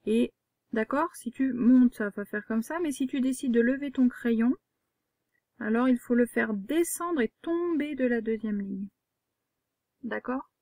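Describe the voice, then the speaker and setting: A woman's voice: fairly high pitch, unhurried, warm tone, no room sound, clean studio sound. A woman, a primary school teacher giving a patient, step-by-step handwriting lesson to a young child.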